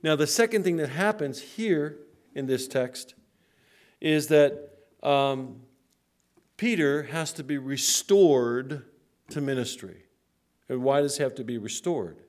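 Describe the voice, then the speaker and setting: A man's voice: mid-range voice, slow pace, pauses often, a little mellow. A man preaching a sermon. He checks in with the congregation, stretches key words for emphasis and drops his voice for the somber points.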